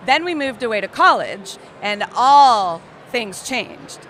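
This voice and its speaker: A woman from Costa Rica in her thirties speaks as an interview guest, her voice bright and fairly high. She explains things in a friendly, clear way, with faint traffic noise around her. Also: animated, slow. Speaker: company co-founder, guest. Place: outdoor festival booth.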